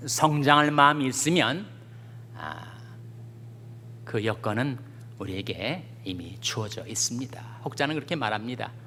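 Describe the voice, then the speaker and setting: Male pastor, bright forceful tone, long church reverb; storytelling sermon turning fervent. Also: medium pitch, sing-song, unhurried, pauses often, slight background noise. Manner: folksy storytelling with jokes, rising to fervent scripture reading. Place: church sanctuary.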